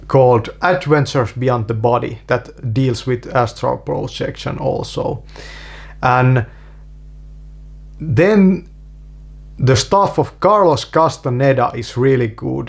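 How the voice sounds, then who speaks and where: This male video creator from Finland talks in English with a Finnish accent, his medium-pitched voice carrying some vocal fry. He rambles casually, stumbling through restarts and the same fillers again and again.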